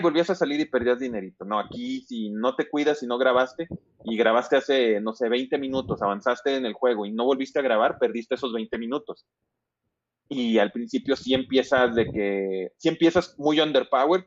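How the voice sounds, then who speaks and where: A man with a Mexican accent and a mid-range voice rambles through a casual chat about video games, swearing freely. The recording has a lo-fi sound.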